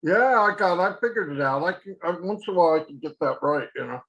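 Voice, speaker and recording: A man's voice: a little high, lively intonation, quick pace, a bit bright, highs cut off. A man in his sixties speaking as a guest presenter on a video call, chatty and self-deprecating, often restarting his sentences. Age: 60s. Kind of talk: casual presentation.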